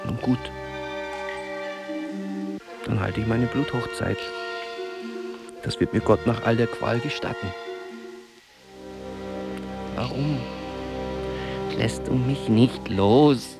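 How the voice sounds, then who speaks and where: With music in the background, an older actor voices a lovesick, lonely, tormented artist in a literary radio drama mixing monologue and dialogue. He speaks at medium pitch with vocal fry, in a brooding, anguished tone. The delivery is halting and theatrical, heavy and marked by repeated words.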